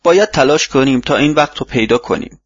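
A man voicing a wise older male mentor in an audiobook, speaking calmly and instructively like a father. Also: medium pitch, slightly rough, no room sound, lightly acted. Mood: advising. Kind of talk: audiobook reading. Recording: dull lo-fi recording.

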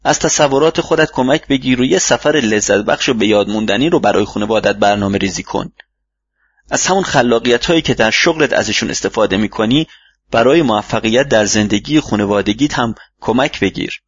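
A man voicing a wise older male mentor in an audiobook, speaking calmly and instructively like a father. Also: medium pitch, husky, no echo, lightly acted. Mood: advising. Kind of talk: audiobook reading. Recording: dull lo-fi recording.

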